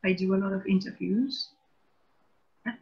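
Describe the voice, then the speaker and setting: Husky-voiced French woman, lo-fi call. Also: mid-range voice, fairly even intonation, moderate pace, a little mellow. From France. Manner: thoughtful, explains at length. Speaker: editor-in-chief. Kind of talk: casual panel discussion. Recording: dull lo-fi online call audio.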